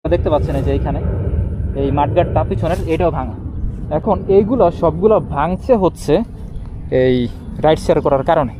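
Speaking from inside a helmet, a motorbike vlogger with a Bangladeshi accent casually explains things to his viewers beside a city road. His voice is a little high and brisk, broken by long pauses, with light street and vehicle noise behind him.

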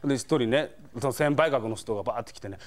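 A man's voice: medium pitch, quick pace, slight background noise. A man with a Kansai accent telling funny stories as a comedian, acting out the scenes as he goes. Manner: animated, acts out scenes, chuckles through punchlines. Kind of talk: comic storytelling monologue.

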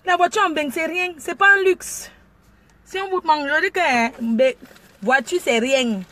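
This casual car vlog features a woman at a drive-through, talking boisterously and switching between French and pidgin English. She speaks at a moderate pace in a high-pitched, sharp tone. Engine and car noise fill the noisy background.

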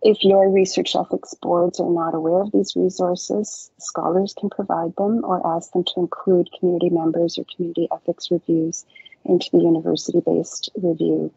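A low, gravelly woman's voice, mellow and a little husky, speaks with measured care. She presents research on a video call. The audio is dry and dull, like a lo-fi call. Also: level tone, no echo. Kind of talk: presentation, then panel discussion.

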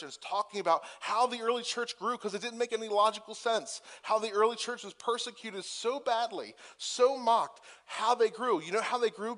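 A man's voice: high-pitched, fairly bright tone. A man preaching a sermon as pastor, moving from conversational asides with restarts to impassioned, emphatic peaks.

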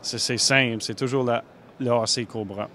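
A man in his thirties with a Québécois accent, talking earnestly about building cars, with some halting restarts. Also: mid-range voice, steady tone, pushed and bright, slight background noise. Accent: Québécois French. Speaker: car builder. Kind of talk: casual interview.

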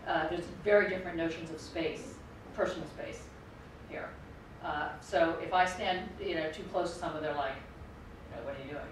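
Heard through a far-off room microphone in an echoey lecture room with background noise, a middle-aged American woman gives a university lecture. Her voice sits low and moves at a moderate pace, and her manner is conversational and wry as she returns to earlier points.

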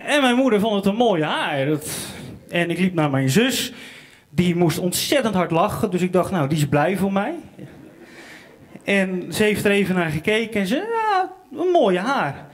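A man's voice: sits high, animated, normal speed. A young man on a small theater stage at an open mic night, telling a wry, self-mocking anecdote into a stage microphone. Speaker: comedian and singer-songwriter. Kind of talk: live stand-up storytelling.

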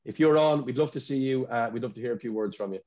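A man's voice: medium pitch, fast talker, warm tone. Irish man hosting an online awards call. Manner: chatty, repeats words when searching for them. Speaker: awards ceremony host. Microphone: video call. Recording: dull lo-fi video call audio.

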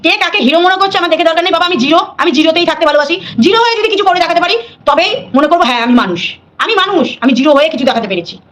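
A middle-aged woman on a live stream, talking at a rapid clip in a high voice. She scolds defiantly and drives her points home by saying them again and again. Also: expressive, fairly bright tone.

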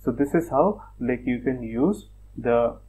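Man calmly walking through a screen demo. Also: mid-range voice, unhurried, a little hiss or hum, low-quality recording. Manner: plain, methodical, frequent "uh" and "like" fillers. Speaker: software tutorial presenter. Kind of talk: screen-recorded technical walkthrough.

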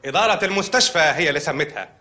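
An actor playing a deadpan hospital doctor in a comedy film, delivering news matter-of-factly. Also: male voice, a little high, rapid-fire. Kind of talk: comic film acting.

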